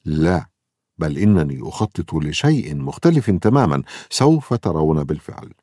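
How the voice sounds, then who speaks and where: A man's voice: extremely low pitch, very animated, normal speed, mellow, dry recording, studio quality, exaggerated voice. A man voicing a determined young boy who speaks with eager confidence.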